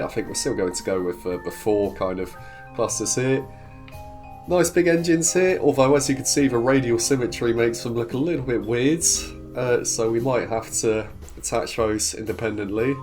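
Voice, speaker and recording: Congested from a cold, this man hosts a video game series, narrating his builds in a cheerful, rambling, talkative way. His voice is medium in pitch and darkish in tone, with a moderate pace, and faint music can be heard behind him in the casual commentary.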